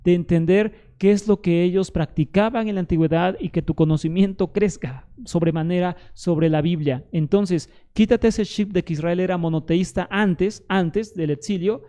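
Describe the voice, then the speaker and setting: A man with a high, dark voice delivers a teaching monologue on Bible history to the camera at normal speed, with hardly any pauses, emphatically arguing against objections he expects from his listener.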